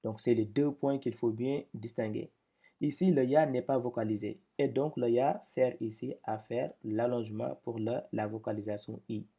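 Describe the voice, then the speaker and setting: A man's voice: mid-range voice, fairly even intonation, moderate pace, gravelly, mellow, slightly rough. A man teaching a step-by-step lesson, explaining patiently with repetitions and speaking up when he drills syllables.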